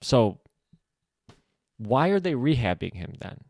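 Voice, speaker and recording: A man's voice: mid-range voice, big pitch swings, slow, gravelly, a little mellow, no echo, clean studio sound. Casual man musing on a book. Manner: thinking aloud, many "like" fillers. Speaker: podcast host discussing a novel. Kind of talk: casual solo book discussion.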